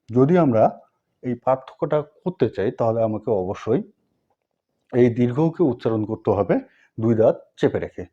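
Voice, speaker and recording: A male teacher walks viewers through a lesson at an unhurried, patient pace, pausing between each sound he drills. His voice is mellow and darker in tone. The recording is a bit dull and lo-fi. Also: medium pitch. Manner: slow, repetitive drilling with pauses; patient, addresses viewers directly. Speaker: language teacher. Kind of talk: step-by-step language lesson.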